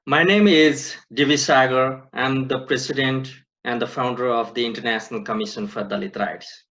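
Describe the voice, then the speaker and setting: A man from Nepal, president of an organization, giving a slow, earnest prepared welcome speech to an online conference. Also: medium pitch, fairly even intonation, a bit bright. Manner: slow, deliberate, earnest delivery. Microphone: video call. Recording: dull lo-fi online conference audio.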